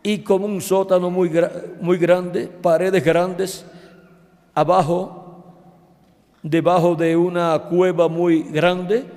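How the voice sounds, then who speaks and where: A male preacher retelling a dream account in a sermon, halting and correcting himself as he goes. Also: high-pitched, flat delivery, a little mellow. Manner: halting, with restarts and self-corrections. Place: church hall. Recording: long reverb of a large hall.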